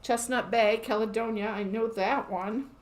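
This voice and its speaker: A woman's voice: a little high, fairly even intonation, normal speed. A woman hosting a casual live show-and-tell from her quilt shop, chatty and upbeat, laughing often.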